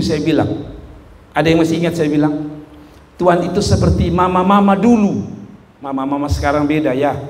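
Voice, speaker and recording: A man preaching a lively sermon, telling humorous stories and shouting at his peaks. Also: on the high side. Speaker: pastor. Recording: echoey hall with faint room noise.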